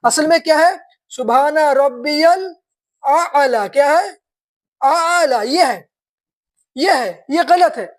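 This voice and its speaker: A woman teaching beginners to read, spelling words slowly syllable by syllable and quizzing her students. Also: high voice. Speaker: Quran reading teacher.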